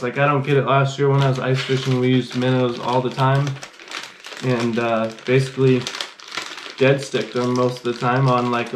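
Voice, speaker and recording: A man's voice: mid-range voice, reverberant, background noise. A man in his thirties hosting a casual fishing unboxing vlog, talking in a laid-back, rambling way. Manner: laid-back, rambling, says "freaking" a lot. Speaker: fishing channel host. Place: small indoor gear room.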